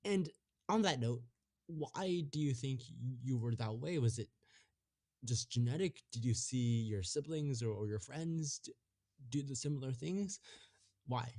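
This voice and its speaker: A young man hosting a podcast interview, asking questions in a friendly, slightly halting way. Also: medium pitch, animated, mellow. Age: young adult. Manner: friendly, a bit halting, with fillers.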